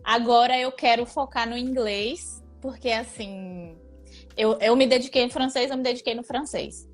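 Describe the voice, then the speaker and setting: A woman's voice: a little high, moderate pace, faint music behind. A young woman from Brazil with a Bahian accent, chatting casually as an interview guest and laughing often. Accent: Bahian Portuguese.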